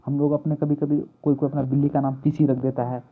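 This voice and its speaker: Husky male teacher, tinny audio. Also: fairly high pitch, little pitch movement, fast. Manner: repetitive, asks questions and answers them himself. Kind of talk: mnemonic lesson for exam prep.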